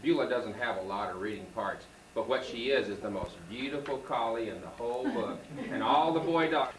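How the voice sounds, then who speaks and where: Heard on old home video tape, a man cues student readers while reading a children's book aloud in a school hall. His pitch sits in the middle and he moves fairly quickly. The far-off camcorder mic leaves the hall sounding echoey.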